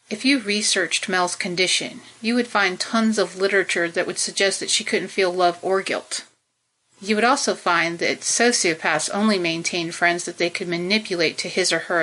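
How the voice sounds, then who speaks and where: A woman narrating a science fiction novel as an audiobook, in a steady, measured storytelling manner. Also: on the low side, rough recording.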